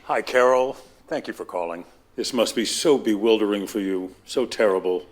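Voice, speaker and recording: A man's voice: fairly low pitch, moderate pace, natural voice. An actor playing a composed male official in a television drama, politely consoling a stranger by phone. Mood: polite sympathy. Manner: polite, sympathetic.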